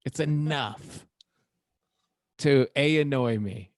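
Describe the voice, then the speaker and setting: A man's voice: mid-range voice, slow pace, dry recording. Man chatting loosely at home, dry close sound. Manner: loose, joking, swearing, puts on silly voices. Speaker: podcast co-host. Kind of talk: casual chat.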